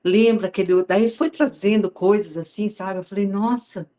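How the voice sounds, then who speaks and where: A woman's voice: mid-range voice, steady tone, normal speed, warm tone. A woman, sharing a heartfelt personal faith testimony in a conversational, storytelling way and speaking directly to her listeners.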